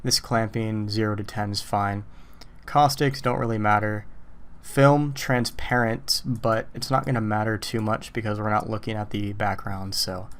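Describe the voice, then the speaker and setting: A man who says he is losing his voice, casually talking through a software tutorial step by step as he works. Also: fairly low pitch, normal speed. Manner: casual, relaxed, talks through steps as he works. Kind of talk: screen-recorded tutorial walkthrough.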